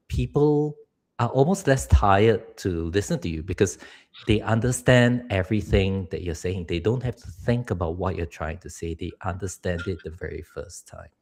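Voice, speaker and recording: This low, slightly mellow male voice belongs to a middle-aged public speaking coach from Singapore. On a live stream he gives earnest advice, breaking into the occasional laugh.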